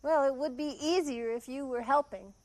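A woman playing an earnest, patient, polite young lady in children's television make-believe, gently pleading. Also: sits high, moderate pace, no echo, close to an everyday voice. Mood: startled, weary.

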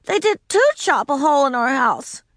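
A woman reading aloud, voicing an indignant, proud first-grade girl who shouts and insists. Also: sits high, very animated, moderate pace, no echo, studio quality, pitched above the performer's own voice. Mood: insistent.

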